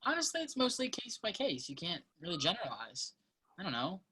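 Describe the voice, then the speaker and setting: Playing the same earnest college student in a naturalistic reading, the woman's low, bright voice swoops wildly in pitch and sounds exaggerated. She stays thoughtful and measured, hesitating slightly while reasoning, in an earnest, persuasive mood, with a little hiss or hum in the recording.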